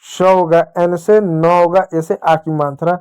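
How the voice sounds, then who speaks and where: A male teacher gives a patient reading lesson to children, sounding out words slowly and repeating them. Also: a little high, fairly even intonation, a little mellow, smooth.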